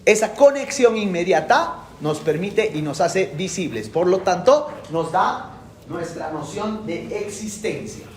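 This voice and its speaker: A man's voice: sits high, animated, unhurried, echoey room, a little hiss or hum. A middle-aged man giving a classroom lecture in a colloquial, emphatic way, repeating his key phrases. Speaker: university lecturer.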